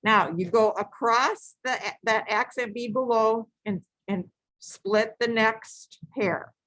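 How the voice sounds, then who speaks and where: A woman demonstrates beading live at her craft table, speaking in a calm, slow way with a voice that runs a little high. She goes over each instruction twice and now and then backs up to rephrase. Nothing echoes; her voice comes through close and dry.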